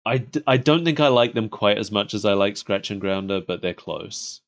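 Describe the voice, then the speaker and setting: This podcast co-host talks about cartoons with a fan's enthusiasm in a relaxed, chatty review. He speaks at a moderate pace in a lowish voice with fairly even intonation.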